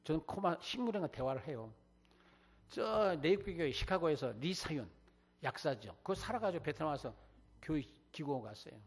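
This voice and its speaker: 교회에서 자신의 간증을 섞어 설교하는 나이 든 남자 목사로, 목소리가 약간 허스키하고 인용하는 사람들의 말투를 생생하게 흉내 낸다. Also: male voice, fairly high pitch, moderate pace, breathy edge. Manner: animated storytelling, acting out quoted voices. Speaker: guest preacher, missionary. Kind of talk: testimony sermon. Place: church.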